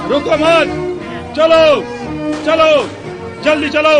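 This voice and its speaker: A man's voice: very high voice, completely flat delivery, slow, over music, a crowd in the background. A man voicing a drill officer urging troops. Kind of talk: Urdu dub acting.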